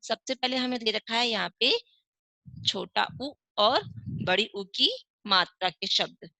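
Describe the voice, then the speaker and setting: A woman's voice: a little high, unhurried, creaky, sharp tone, no room sound. A woman teaching an online class to young children, sounding out words syllable by syllable and asking the class questions. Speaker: primary school teacher.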